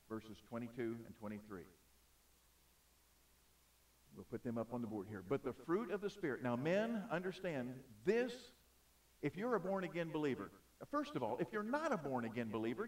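A man preaching a sermon in an auditorium, emphatic, swinging between loud and soft. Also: mid-range voice, distant mic. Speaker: pastor.

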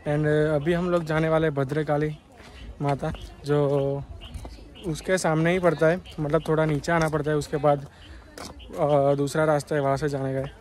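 A man's voice: a little high, a little mellow. A young man talking casually to camera as he walks a hilltop temple trail, calling his viewers guys and mixing in English words. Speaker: travel vlogger. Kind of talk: casual walking vlog to camera. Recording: music playing under the voice.

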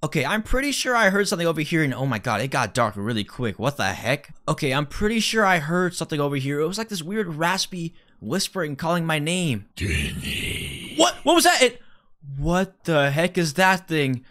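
Man, gameplay host, talks to himself while playing, excitable, very animated voice. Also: fairly high pitch, fairly quick. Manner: jumpy, exclaims loudly at scares. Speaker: gaming video host. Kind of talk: casual gameplay commentary.

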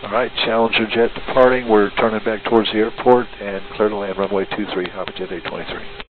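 A man's voice: fairly low pitch, fairly even intonation, fast talker. A man flying as an airline pilot, speaking over a cockpit headset radio in terse, clipped radio phraseology. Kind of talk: air traffic radio call. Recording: tinny narrowband radio transmission.

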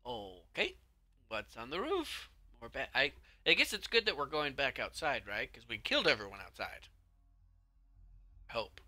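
A man's voice: mid-range voice, very animated, unhurried, bright, forceful tone. A man casually commenting while playing a video game, chatting to the characters on screen and breaking into sudden yelps and whispers. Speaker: let's play gamer.

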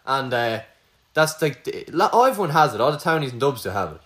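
Irish male quiz host, mid pitch, crude joking banter. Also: sing-song, fairly quick, a bit bright. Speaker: quizmaster host. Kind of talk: casual podcast quiz.

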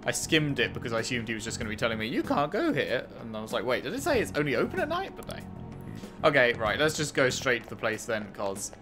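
Male let's play host, casual and dryly sarcastic, animated pitch, game music behind. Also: fast. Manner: dry, sarcastic asides. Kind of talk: casual gameplay commentary.

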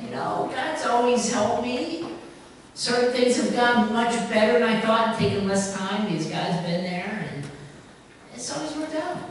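A man's voice: high-pitched, slight background noise. A man giving a conversational sermon as a pastor, rambling a little, with restarts and asides to the congregation. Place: church sanctuary. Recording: echoey church from a distance.

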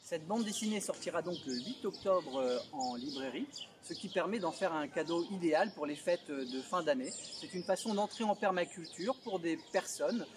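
A man in his forties presenting a book straight to camera, earnest and pausing often on "euh", seated on a bench in a small outdoor garden. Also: fairly high pitch, animated, background noise. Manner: earnest, with frequent "euh" pauses. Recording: outdoor garden with loud birdsong. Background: birdsong.

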